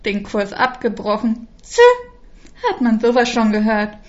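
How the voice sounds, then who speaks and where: A woman's voice: medium pitch, fairly even intonation, moderate pace, highs cut off, natural voice. A woman putting on a haughty scoffing princess. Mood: scornful. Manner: scoffing, disdainful, cool. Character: haughty, hard-to-win modern princess, young woman.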